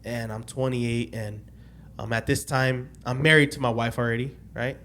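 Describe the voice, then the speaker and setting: Telling his testimony on a casual podcast, a late-twenties man rambles through a long personal story, often restarting and using fillers while trying to get his dates straight. His middle-pitched voice is a bit bright with fairly even intonation, at a moderate pace, and there's faint background noise.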